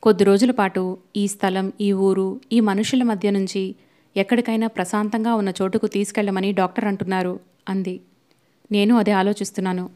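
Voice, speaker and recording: A woman's voice: mid-range voice, flat delivery, moderate pace, warm tone. A woman reading a novel aloud as an audiobook narrator, voicing every character's lines in her own voice. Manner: reads all characters' dialogue in her own voice.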